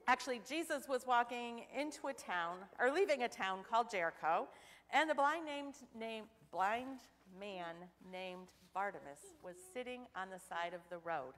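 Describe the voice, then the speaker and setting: A young woman giving a children's sermon in church, asking the children questions in an animated way. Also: medium pitch. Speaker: children's message leader. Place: church sanctuary. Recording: church hall reverb.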